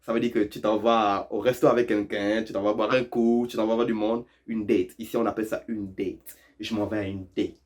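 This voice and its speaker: A man's voice: fairly low pitch, little pitch movement, fairly quick, few pauses. A man hosting a casual lesson on local expressions, playful and teasing, who laughs often and repeats phrases for effect. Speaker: YouTube host explaining Quebec French expressions.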